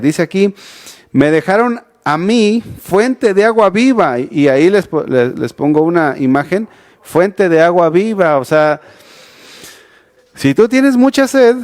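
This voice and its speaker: A man's voice: a little high, a little mellow. A man with a Mexican accent preaching a youth sermon, talking casually with many restarts and rhetorical questions. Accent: Mexican Spanish. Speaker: youth pastor. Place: church, streamed online.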